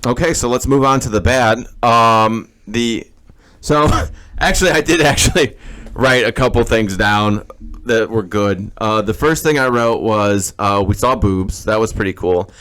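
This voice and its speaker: A man's voice: a little slow, a bit bright, clear, resonant tone. A young man hosting a casual movie-review podcast, sarcastic and joking. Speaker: podcast host. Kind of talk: casual chat. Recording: older lower-quality podcast audio.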